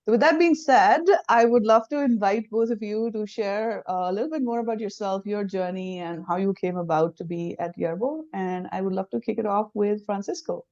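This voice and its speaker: A middle-aged woman hosting a live interview over a video call, introducing guests in a measured way with many fillers. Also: medium pitch, darkish tone. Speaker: host. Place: small home room. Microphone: webcam on a video call. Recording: dull lo-fi video call audio.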